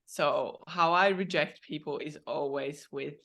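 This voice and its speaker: A woman dating coach giving advice as a guest in a conversational interview, measured and emphatic. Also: deep voice, gravelly, a bit bright.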